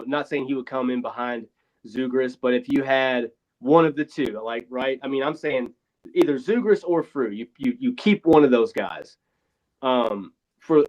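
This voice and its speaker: A man with a mid-range voice rambles through a casual sports chat, frank and loose with the odd swear. His voice comes through thin and hollow with no low end, boxed in like a phone booth. The dull, lo-fi earbud mic takes the body out of every word. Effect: thin boxy sound with no bass, like a phone booth. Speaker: podcast co-host. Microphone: failing wireless earbuds over a remote call.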